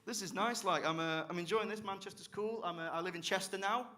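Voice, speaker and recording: A young South Yorkshire man doing stand-up, his voice sitting a little high and sounding bright and forceful. He swears freely and teases the crowd with cheeky banter between his jokes. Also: fairly quick. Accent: South Yorkshire English. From Barnsley, South Yorkshire, England. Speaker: stand-up comedian. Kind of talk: live stand-up set. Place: comedy club stage.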